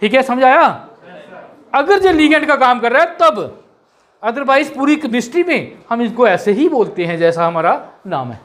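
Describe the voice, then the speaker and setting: A man teaches chemistry in a classroom. He drills the students, fires off quick rhetorical questions and spells terms out letter by letter. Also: very high voice, expressive, fairly bright tone. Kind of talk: classroom lecture.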